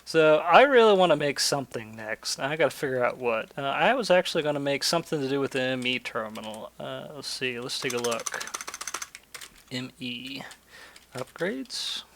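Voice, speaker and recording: A man narrates his gaming video as an indoor voice-over for screen-recorded play, chatting loosely, spinning stories, wandering off topic and cursing freely. He speaks at normal speed with medium pitch, lively intonation and a slightly bright tone, over a faint hiss or hum.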